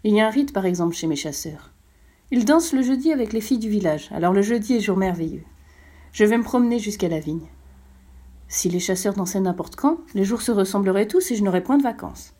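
A woman voicing a wise, gentle fox in a storybook reading, calm and measured as it explains. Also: mid-range voice, breathy edge. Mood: patient.

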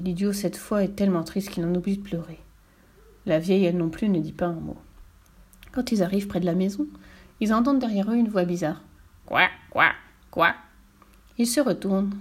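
A woman reads a fairy tale aloud with lively, expressive narration. Her voice sits at a medium pitch, and she paces the story with clear storytelling rhythm. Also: a little fast.

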